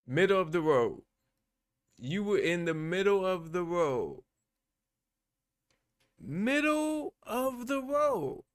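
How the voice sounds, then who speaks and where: A man's voice: high voice, a bit bright, smooth, dry recording, studio quality. A man hosting a live-stream reaction to bodycam videos, talking back at the people on screen and chuckling.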